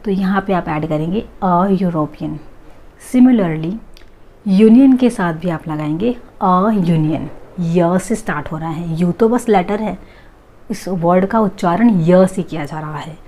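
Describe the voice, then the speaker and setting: A woman teaching an English grammar lesson, drawing out each example phrase slowly and clearly. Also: on the low side, warm tone. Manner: slow, drawn-out example phrases.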